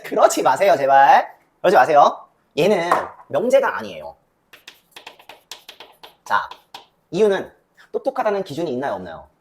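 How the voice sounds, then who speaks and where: A young adult woman teaching a math lesson, asking questions and answering them herself. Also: low-pitched. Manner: lively, asks and answers her own questions. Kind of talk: classroom lecture.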